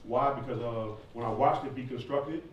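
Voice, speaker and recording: Speaking at a moderate pace in a mid-range voice, this man from the southern United States fields audience questions, spinning informal, jokey stories as a lively performer. The lo-fi recording comes from an echoey event hall with a crowd, captured on a distant mic amid background noise.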